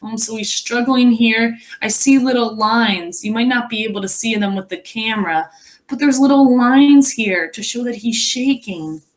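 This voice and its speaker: Her voice sits a little high as she reads a picture book to young children in a teacher's role, expressive throughout, with pauses to explain and muse aloud.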